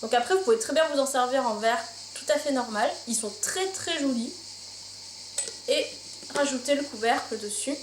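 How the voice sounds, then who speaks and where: In this shopping haul vlog, a high-pitched woman chats at a moderate pace, raving about what she bought and leaning heavily on fillers. The spacious home room has its windows open, letting in a soft background of insects.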